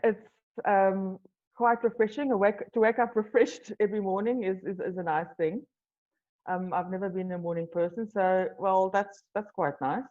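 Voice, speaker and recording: A South African woman, a native Afrikaans speaker with a South African accent, is a guest on an interview as the founder of a wine tour company. Her medium-pitched voice is steady at a normal speed and sounds phone-quality. She answers casually and hesitantly, with many ums and restarts.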